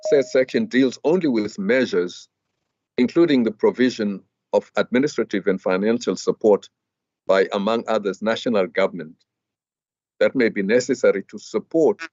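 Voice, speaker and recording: A man arguing a legal point before a judge, formal and measured, with some hesitant fillers and restarts. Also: mid-range voice, darkish tone, dry recording. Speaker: advocate arguing in court. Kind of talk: legal argument. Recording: dull lo-fi dry hearing audio.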